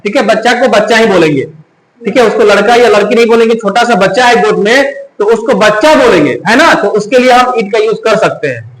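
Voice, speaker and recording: A man's voice: sits high, lively intonation, fairly quick. A man teaching a grammar lesson to a class, asking questions and repeating the students' answers, switching between Hindi and English terms. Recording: echoey classroom, faint room noise.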